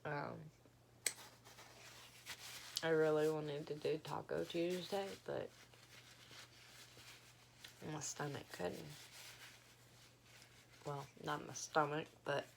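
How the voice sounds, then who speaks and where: Tired, creaky-voiced woman. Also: low voice, fairly even intonation, slow, pauses often, slight background noise. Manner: rambling, hesitant. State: tired, unwell. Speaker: mukbang vlogger. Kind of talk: casual chat to viewers. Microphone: phone camera.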